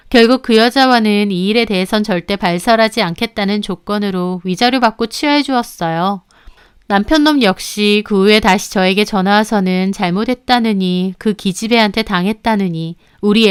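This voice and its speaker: A woman's voice: mid-range voice, clear, resonant tone, no echo, clean studio sound. A young adult woman narrating a first-person story in an indignant, matter-of-fact way. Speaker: narrator of a reader-submitted story.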